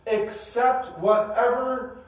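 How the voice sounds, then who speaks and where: A man in his forties giving an animated sermon-style lecture in a mosque, full of rhetorical questions. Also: very high voice, takes it slowly. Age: 40s. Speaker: mosque teacher giving a weekly study circle. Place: mosque prayer hall. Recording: very echoey hall, voice from far off.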